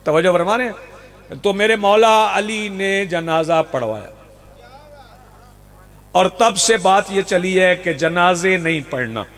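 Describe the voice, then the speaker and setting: Pakistani male preacher, high voice, rhetorical outdoor sermon with repetition. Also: slow pace, long pauses, a bit bright. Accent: Pakistani Urdu. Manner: rhetorical, repeats lines for emphasis, rouses the crowd. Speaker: Shia preacher. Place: outdoor religious gathering.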